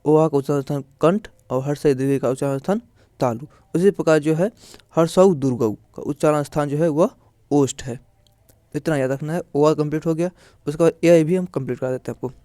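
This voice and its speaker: A man's voice: a little high, fairly quick, mellow, no echo. Man teaching a patient step-by-step lesson. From India. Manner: repetitive, explaining step by step with filler phrases. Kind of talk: classroom grammar lesson.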